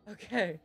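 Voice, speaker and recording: A woman's voice: mid-range voice, vocal fry, slightly rough. A young woman streaming a game, swearing often and bantering in exasperation with her chat. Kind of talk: casual gameplay streaming.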